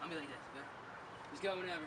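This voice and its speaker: A man directing an amateur outdoor film shoot, giving bossy, quick instructions. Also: on the high side. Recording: loud outdoor noise.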